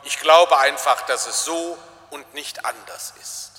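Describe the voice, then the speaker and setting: A man giving a reflective sermon as a preacher, speaking slowly, deliberately and with emphasis. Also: a little high, bright, forceful tone. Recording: long hall reverb.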